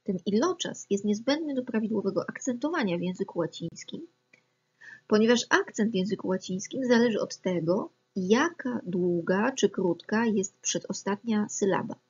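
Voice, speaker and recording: Methodical woman teaching pronunciation, husky. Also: medium pitch, normal speed. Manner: calm, methodical, spells out examples. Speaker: Latin teacher. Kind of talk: explanatory lesson on pronunciation. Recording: slightly dull, lo-fi recording.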